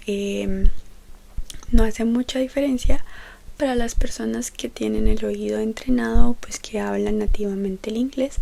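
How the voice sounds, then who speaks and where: A woman giving a slow, gentle, soft-spoken ASMR lesson, explaining patiently and checking in often. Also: medium pitch, gravelly. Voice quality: soft, partly whispered. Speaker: English teacher.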